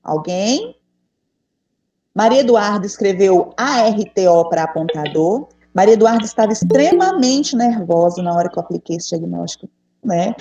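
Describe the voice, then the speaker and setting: Brazilian woman running an online workshop for teachers, patient and encouraging, warm low tone, video-call audio with roomy echo. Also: lively intonation, moderate pace, highs cut off. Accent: Brazilian Portuguese. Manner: patient, encouraging, asks the group questions. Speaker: teacher trainer. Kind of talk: online teacher training session. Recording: echoey room, distant mic.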